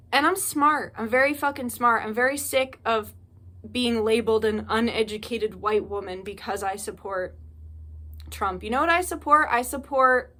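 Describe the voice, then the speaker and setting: A young American woman who hosts a spiritual channel rants and pleads to her viewers in a heated, profanity-laced monologue to camera. Her mid-range voice is bright and forceful.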